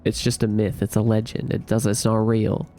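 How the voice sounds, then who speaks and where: A young man chats on a livestream, teasing and laughing as he reads out comments. His voice has a gravelly, fry-tinged texture. Quiet music plays in the background. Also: on the low side, completely flat delivery, moderate pace. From Australia. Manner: playful, laughing, teasing chat. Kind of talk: casual chat reading viewer comments.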